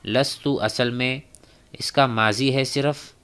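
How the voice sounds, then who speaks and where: A man teaching a recorded language lesson, saying each phrase slowly and repeating it so students can echo him. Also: medium pitch, fairly even intonation, pushed and bright, clean tone.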